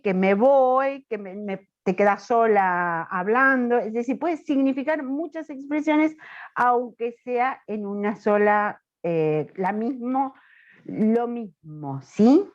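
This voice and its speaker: A woman teacher giving an online class, slow and questioning, checking often that students follow. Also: fairly high pitch, expressive. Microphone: video call. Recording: dull lo-fi video call audio.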